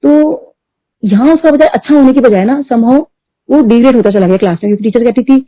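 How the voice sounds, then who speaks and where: Fast-talking woman, dark dull lo-fi sound. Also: fairly high pitch, dry recording. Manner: fast storytelling with Hindi-English mixing. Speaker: devotee sharing testimony. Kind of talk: devotional satsang talk. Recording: dull lo-fi dry recording.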